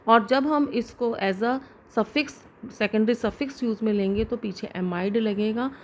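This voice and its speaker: A woman's voice: on the high side, background noise. A woman teaching chemistry to students step by step, often asking a question and answering it herself. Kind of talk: classroom lecture to students.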